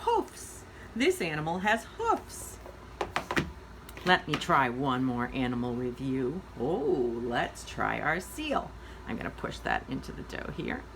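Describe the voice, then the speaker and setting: A woman with a very deep voice leads a story time for young children, giving simple instructions and asking encouraging questions. Her delivery is very animated, deliberate, and sing-song. There is noise in the background.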